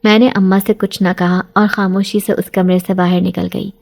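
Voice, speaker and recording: A woman narrates a scripted first-person horror tale in a steady, earnest manner. Her voice is mellow and warm, with a middle pitch. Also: vocal fry, faint music behind. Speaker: storyteller.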